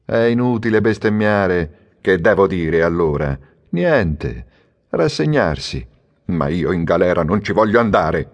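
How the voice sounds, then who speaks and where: A man's voice: mid-range voice, animated, a little slow, few pauses, muffled recording, pitched above the performer's own voice, close to an everyday voice. A man reading an audiobook, voicing a boisterous, mocking bookseller with a strong, robust voice. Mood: defiant. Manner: loud, jeering, mock-serious.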